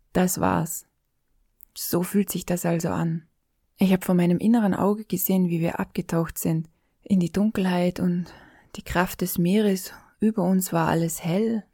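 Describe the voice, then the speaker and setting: A middle-aged woman with an Austrian accent recounts an emotional personal experience. Her voice sits low and warm, and she often sinks into a whisper. The sound is close and dry, with no room echo. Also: creaky, breathy edge. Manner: intimate, often sinking to a whisper. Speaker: storyteller.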